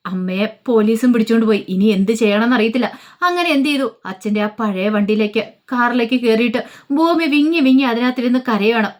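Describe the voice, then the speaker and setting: Fast chatty woman storyteller. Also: on the high side. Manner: chatty, hurried, many fillers. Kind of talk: casual retelling of a serial story.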